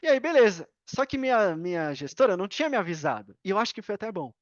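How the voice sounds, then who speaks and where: A Brazilian man with a Brazilian Portuguese accent, telling a personal story as a podcast guest in an animated, slangy way. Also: high voice, quick pace, dry recording, highs cut off. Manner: animated, slangy, laughs and self-corrects often. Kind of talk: casual storytelling.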